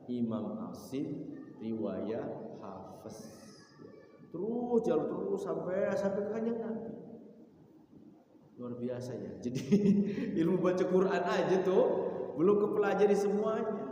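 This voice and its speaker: Male Quran teacher, mellow and unhurried. He gives casual tajwid explanations and slow chanted verses, recorded from afar in a big mosque hall with heavy echo. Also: medium pitch, recorded from a distance, a little hiss or hum. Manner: explains plainly, chants verses slowly, chuckles often.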